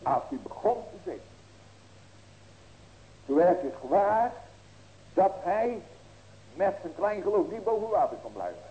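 A male pastor preaching a sermon, asking rhetorical questions and breaking into loud raised cries. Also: high voice, big pitch swings, a little slow, long pauses, dull audio.

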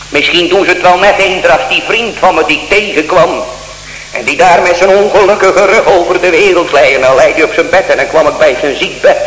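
A man's voice: sits high, a bit bright. A man preaching a solemn sermon in a church, impassioned, with sudden emphatic rises in his voice. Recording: echoey church hall, faint hum.

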